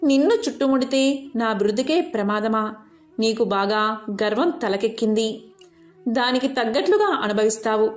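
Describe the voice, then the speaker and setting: A woman's voice: a little high, lively intonation, normal speed, lightly acted. Woman doing an angry threatening male wind god.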